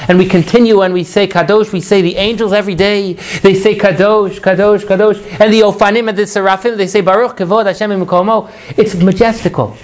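Animated man teaching a Torah class. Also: high-pitched. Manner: animated, asks the class rhetorical questions; mixes in Hebrew prayer phrases. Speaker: religious teacher.

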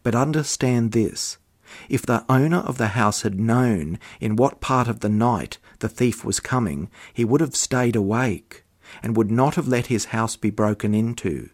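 A man, a clergyman, delivering scripture readings and a homily in a measured liturgical style. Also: mid-range voice.

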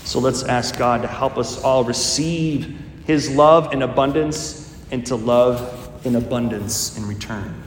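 A man's voice: mid-range voice, a little slow, a little hiss or hum. A priest in his fifties giving a homily in a conversational, storytelling way. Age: 50s. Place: church. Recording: echoey church, long reverb, faint ambience.

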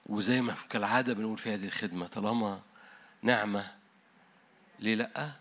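A man's voice: fairly even intonation, a little fast, a bit bright. Egyptian man preaching, emphatic. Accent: Egyptian Arabic. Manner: emphatic, rhetorical questions, lowers his voice at the close. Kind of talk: sermon.

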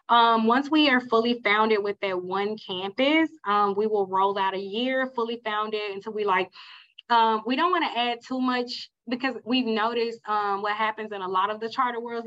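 A woman's voice: medium pitch, fairly bright tone, highs cut off. Southern woman with a Mississippi country accent. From Mississippi, United States. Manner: country way of talking. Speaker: podcast guest, school leader. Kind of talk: conversational interview.

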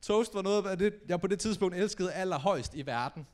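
A young man performing a stand-up comedy set on stage, telling stories animatedly and acting out quotes with sudden shouts. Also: high voice. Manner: animated storytelling, acts out quotes with big shouts. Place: comedy stage before a live audience.

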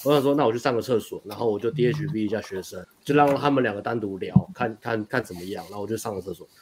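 A young man with a lowish voice tells a story at a fast clip. He is a dating coach in a casual chat, rambling and restarting sentences as he recounts what happened. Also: a crowd in the background. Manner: rapid, rambling retelling with frequent restarts and laughs.

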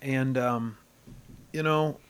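An American man, a coach, answering casually as a radio guest in a studio, halting and searching for words. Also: mid-range voice, steady tone, smooth. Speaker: high school wrestling coach, guest.

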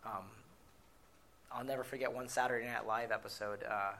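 A middle-aged man giving a motivational talk, telling personal stories with lively swings from quiet asides to loud acted quotes. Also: on the low side, moderate pace, gravelly, slight background noise. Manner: animated storyteller, shouts in acted quotes, drops to quiet asides.

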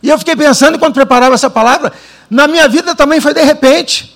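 A man from Brazil preaching a sermon, telling his own story with dramatic pauses and animated delivery. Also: very high voice. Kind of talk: sermon with personal testimony.

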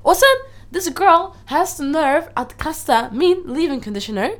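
A woman's voice: high-pitched, lively intonation, fairly bright tone. A young woman telling a story in casual chat, acting out other people's lines and laughing as she goes.

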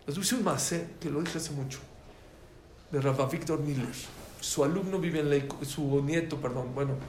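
Rabbi guy telling torah stories, kinda high voice, lively, echoey room w faint background hum. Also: normal speed. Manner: animated storyteller, voice rising in quotes. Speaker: rabbi teaching a class. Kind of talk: Torah lesson with storytelling.

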